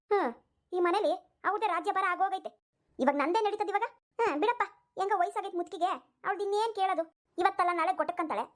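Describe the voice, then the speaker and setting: A woman voicing a bossy old mother-in-law who nags and complains in a cartoon. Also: very high-pitched. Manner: nagging, complaining loudly. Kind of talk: cartoon voice acting.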